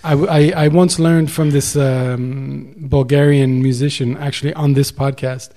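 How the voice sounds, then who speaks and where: A man's voice: mid-range voice, little pitch movement, a little slow, mellow. A man hosting a podcast, chatting casually over beer and rambling with restarts. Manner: rambling, restarts sentences, enthusiastic. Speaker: podcast host. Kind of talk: casual chat. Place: indoor room, drinking beer with a guest.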